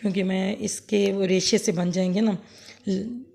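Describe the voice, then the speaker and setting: A woman with a sore, hoarse throat giving a rambling, homely cooking demonstration for her vlog. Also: mid-range voice, fairly even intonation, unhurried, mellow. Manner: homely, rambling, self-correcting explanations. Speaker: cooking vlogger. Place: home kitchen, later outdoors under a fan.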